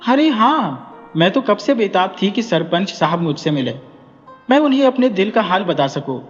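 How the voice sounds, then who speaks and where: A man's voice: sits high, big pitch swings, normal speed, pitched above the performer's own voice. Storybook: man doing a cunning village wife, sugary and coaxing, raised voice, dull echo. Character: clever village wife, feigning sweet affection. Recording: dull echoey recording with music.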